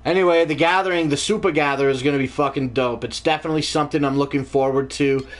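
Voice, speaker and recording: A young man hosting a casual livestream talk show, relaxed and joking, swearing freely with many fillers. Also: on the high side, fast talker. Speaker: show host.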